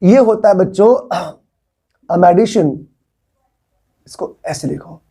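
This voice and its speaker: Brief: young male teacher in a classroom, mellow tone, coaxing, repeats words for students to echo. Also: high voice, slow pace, husky. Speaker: English teacher. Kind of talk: classroom vocabulary lesson.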